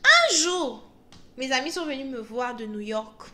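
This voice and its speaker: A young woman giving a casual tarot reading, telling stories in an animated way, laughing often and mixing in English words. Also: high-pitched, unhurried. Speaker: tarot reader.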